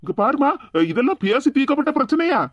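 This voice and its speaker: A woman's voice: high voice, lively intonation, fast talker, no echo, highs cut off. A woman voicing a stubborn, angry young husband in Tirunelveli Tamil. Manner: insistent, hot-tempered.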